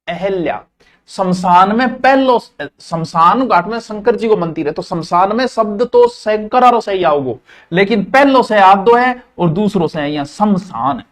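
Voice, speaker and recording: A man teaching a Hindi grammar class, drilling words by repeating them many times in a folksy, animated way with sudden loud stresses. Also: high-pitched.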